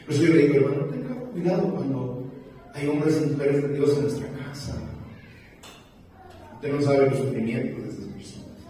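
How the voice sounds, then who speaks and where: A man's voice: medium pitch, lively intonation, moderate pace, mellow, a little hiss or hum. Man preaching in an echoey hall. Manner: storytelling, addresses listeners as brothers. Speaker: pastor. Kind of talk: sermon with anecdotes. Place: church hall. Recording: echoey hall, mic far off.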